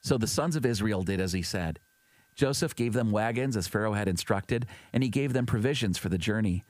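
Low-voiced man reading scripture. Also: lively intonation, a little fast, darkish tone, dry recording. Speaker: scripture reader. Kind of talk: steady scripted Bible reading.

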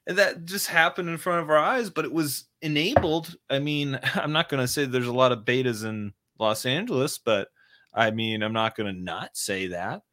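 A man co-hosting a podcast, talking in a loose, excitable, rambling way. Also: mid-range voice, moderate pace, no room sound, studio quality. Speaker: podcast co-host. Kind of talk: casual chat.

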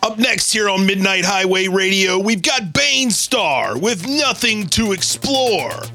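An actor playing a mysterious male late-night radio host, talking in a smooth, drawn-out, theatrical way. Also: sits high, expressive, pushed and bright, no echo, faint music behind, heavily acted. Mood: wry. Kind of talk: radio drama acting.

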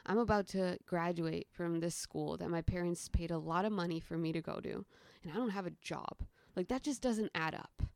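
A woman's voice: on the low side, normal speed, vocal fry, dry recording, clean studio sound. A young adult woman, a podcast guest, telling her stories casually and animatedly, acting out the dialogue with lots of "like.". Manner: animated, acts out quoted dialogue, frequent "like". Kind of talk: casual storytelling interview.

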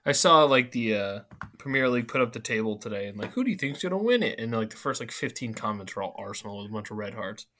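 A man co-hosting a sports podcast in casual banter, excitable and teasing, with slightly slurred, numb-mouthed speech. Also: fairly low pitch, fast talker, a little hiss or hum.

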